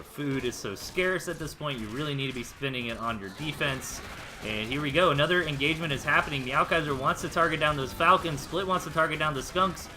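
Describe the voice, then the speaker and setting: An American esports replay caster calls a game live in a relaxed way, breaking down plays with loose, slangy, chatty phrasing. His medium-pitched voice is very bright and forceful. Guitar music runs in the background.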